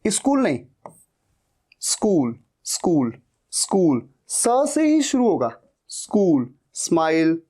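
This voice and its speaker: A man teaching English pronunciation, drilling each word slowly and saying it again and again. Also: high voice, a little mellow. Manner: drills words slowly, repeating them. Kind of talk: pronunciation lesson.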